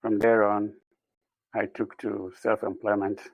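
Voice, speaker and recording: A man from Ghana, a podcast guest giving a steady, plainly told account of his life. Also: lowish voice, unhurried, vocal fry, slightly rough, dry recording, dull audio. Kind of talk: conversational self-introduction.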